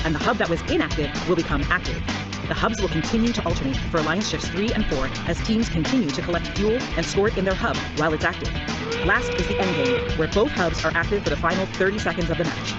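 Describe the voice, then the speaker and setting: A narrator reading a scripted explainer, played back sped up so it sounds like a chipmunk voice. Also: mid-range voice. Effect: sped up to 1.5 speed, chipmunk-like voice. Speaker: game animation narrator. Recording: dull lo-fi playback with loud music. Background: loud background music.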